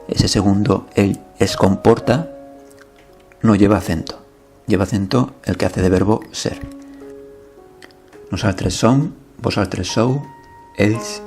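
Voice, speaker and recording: A man teaching a language lesson, reading verb conjugations and example sentences aloud in a slow, methodical way. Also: fairly low pitch, darkish tone.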